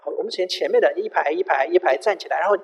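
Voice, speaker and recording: A man voicing a male theatre manager who keeps urging the crowd to stay calm, in a pleading, reassuring way. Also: fairly high pitch, very fast, lightly acted. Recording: echoey hall with long reverb.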